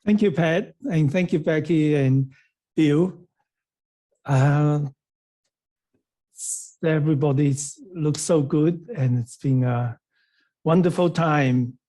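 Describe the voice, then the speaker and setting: A man leading an online tai chi class, giving calm, step-by-step movement cues. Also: on the high side. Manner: slow, calm, step-by-step cueing. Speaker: tai chi teacher and workshop leader.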